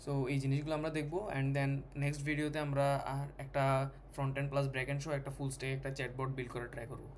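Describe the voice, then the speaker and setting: A man's voice: mid-range voice, flat delivery, slight background noise. A man teaching a programming lesson over a screen recording, thinking aloud with many fillers and restarts. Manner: code-switching, halting with fillers and restarts. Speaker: programming tutor.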